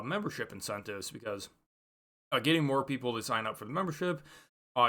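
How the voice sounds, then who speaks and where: A man with a very bright, forceful, middling-pitched voice talks through a casual book review. He thinks aloud, rambling and halting, offering opinions and then qualifying them.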